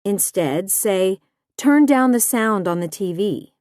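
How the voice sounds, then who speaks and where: A woman reading nonfiction aloud in a measured, deliberate way. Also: mid-range voice, expressive, a little mellow, no echo, studio quality. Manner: measured, deliberate delivery of examples. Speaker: audiobook narrator.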